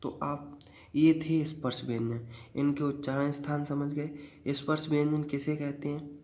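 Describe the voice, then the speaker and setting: Man teaching in a flat, higher voice. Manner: asks a question and answers it himself; demonstrates sounds by saying them aloud. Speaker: Hindi grammar teacher. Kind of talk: classroom-style explanation.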